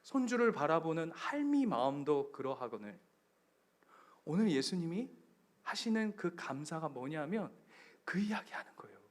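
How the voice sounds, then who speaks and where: A male pastor preaching a sermon, telling stories and acting out quotes, building up to loud passages. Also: on the high side, sing-song, normal speed. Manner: storytelling, acting out quotes, rising to shouts.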